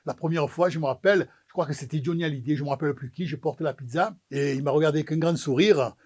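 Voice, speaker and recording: A man spins a comic yarn about his own life, his voice sitting noticeably high for a man. He throws himself into the dialogue and acts out each character as the story unfolds. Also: fast talker, a little mellow. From Marseille, France. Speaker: pizza maker telling his story.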